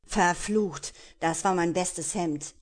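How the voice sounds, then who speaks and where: A woman voicing an arrogant male pirate rogue who taunts and shouts in a raised voice. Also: on the low side, expressive, normal speed, close to an everyday voice. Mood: angry. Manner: loud, taunting and swaggering.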